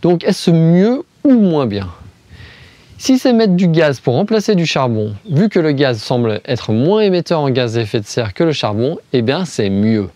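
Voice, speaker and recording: A Frenchman hosts a scripted explainer video, building his argument step by step, posing rhetorical questions, answering them himself, and adding ironic asides. His voice is fairly high and dark in tone, very animated at a moderate pace, with no echo.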